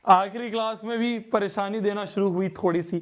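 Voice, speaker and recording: A man with a high-pitched voice running a live online class from his studio. He chats with the students and keeps repeating phrases as he settles in before the lesson. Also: steady tone, a little fast. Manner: chatty, repeats phrases often. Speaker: online teacher. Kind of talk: live class, casual Hindi teaching. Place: home studio.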